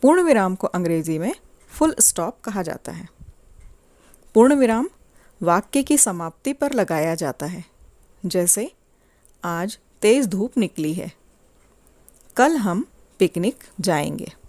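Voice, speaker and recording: A woman teaching a grammar lesson to children in a slow, deliberate, clearly paced way. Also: medium pitch, lively intonation, mellow, no echo.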